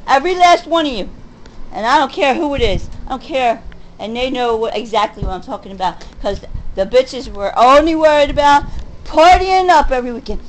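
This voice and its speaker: A middle-aged woman in an angry, profane rant, swinging from yelling to low muttering, with faint noise behind her. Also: lively intonation, a little fast, poor audio. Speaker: vlogger. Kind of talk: ranting monologue while cleaning.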